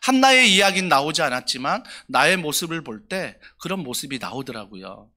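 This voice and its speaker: A man's voice: on the high side, sing-song, fairly quick, pushed and bright. A male pastor preaching an emphatic sermon in a church, often asking the congregation questions. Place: church sanctuary.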